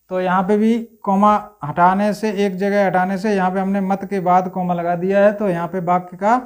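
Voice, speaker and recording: A man with a fairly high voice teaching a grammar lesson. He works through it step by step and keeps checking in with his listeners. Now and then he stops to clear his throat. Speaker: Hindi teacher.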